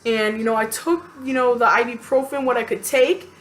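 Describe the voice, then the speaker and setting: A woman telling a personal story to camera in a casual, animated, chatty way, venting bluntly and acting out quotes. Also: fairly high pitch, fairly quick. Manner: animated, chatty, lots of fillers and acted-out quotes.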